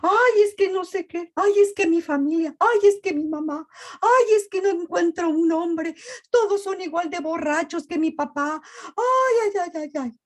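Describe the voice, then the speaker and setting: Woman doing a young woman, whiny, self-pitying, high wailing voice, sobbing complaints. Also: a little slow.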